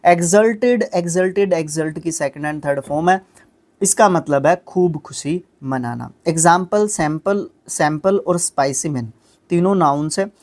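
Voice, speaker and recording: A man's voice: fairly high pitch, normal speed, a little mellow. A man teaching English vocabulary, explaining patiently, checking in with listeners at every step and sounding out hard words syllable by syllable. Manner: explains patiently with constant tag questions. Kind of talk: vocabulary lesson.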